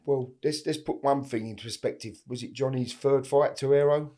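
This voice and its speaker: A man's voice: mid-range voice, steady tone, normal speed, dark tone. A middle-aged man with an Essex accent, chatting casually in a down-to-earth, emphatic way. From East London and Essex, England. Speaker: interview guest, a boxer's father. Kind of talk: casual chat.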